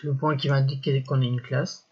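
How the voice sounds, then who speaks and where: A man giving a casual, think-aloud coding walkthrough over a screen recording, often pausing to correct himself and filling gaps with little interjections. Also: medium pitch, little pitch movement, darkish tone, breathy edge, dull audio. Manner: thinks aloud, peppered with "voilà" and "hop"; self-correcting, halting phrasing. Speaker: coding tutorial instructor.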